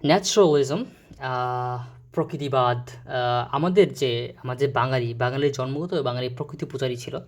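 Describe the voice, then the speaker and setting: A man teaching English vocabulary in a casual, explanatory way, often pausing on fillers and correcting himself. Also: mid-range voice. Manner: explains words slowly, with many fillers and self-corrections.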